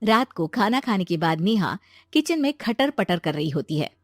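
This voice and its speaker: A woman reading scripted narration for an animated moral story. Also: medium pitch, moderate pace, no room sound, clean studio sound. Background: music.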